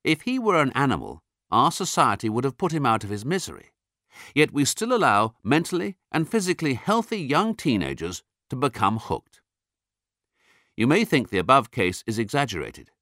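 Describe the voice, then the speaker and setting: A man reads an audiobook with emphatic, persuasive delivery. His voice rises and falls a great deal, and he slows right down on key words. The sound is dry and close-miked. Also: medium pitch, very animated, fairly bright tone, dry recording. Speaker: narrator. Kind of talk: audiobook narration.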